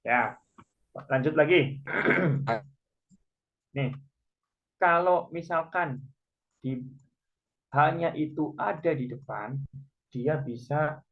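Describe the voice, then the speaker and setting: A man's voice: on the high side, drawn-out words, long pauses. A man teaching a Korean language class online, patiently explaining each point step by step. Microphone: video call. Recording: muffled video call audio.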